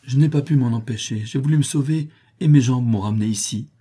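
A man's voice: fairly quick, breathy edge, natural voice. A man voicing a frightened drunk man who pleads in a raised, tearful voice. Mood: defeated. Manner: high, loud pleading.

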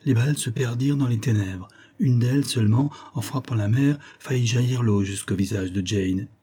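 Male audiobook narrator, measured, dramatic, husky, dark. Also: medium pitch. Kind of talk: scripted narration.

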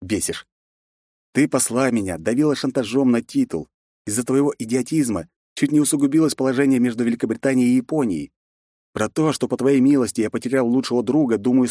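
A man reading a first-person novel aloud, harsh and forceful in the hero's lines. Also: mid-range voice, fairly quick, no echo, clean studio sound. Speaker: audiobook narrator.

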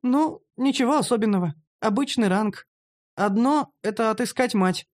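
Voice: mid-range voice, normal speed, voice pushed up, natural voice. A narrator voicing a timid, earnest young female gnome who explains things carefully. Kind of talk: audiobook character voice.

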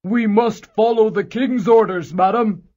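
A woman's voice: mid-range voice, unhurried, mellow, voice pushed down, natural voice. A woman voicing the king's men, formal and dutiful male officials in a children's storybook reading, on a slightly dull recording. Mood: firm.

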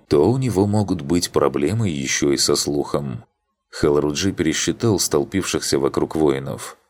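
Мужчина спокойно и размеренно читает вслух художественную книгу как диктор аудиокниги. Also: male voice, a bass voice. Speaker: audiobook narrator. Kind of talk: scripted audiobook narration.

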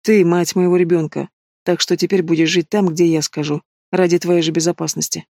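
A man voicing a domineering, possessive mobster in an audiobook, speaking low and mocking. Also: level tone, a little fast, vocal fry, a little mellow, no room sound, studio quality. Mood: menacing.

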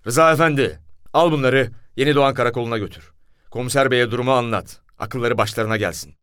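A man voicing a stern, loud police commissioner who barks orders. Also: medium pitch, quick pace, clear, resonant tone, no echo, studio quality, close to an everyday voice. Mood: curt, commanding. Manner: barking orders, shouting.

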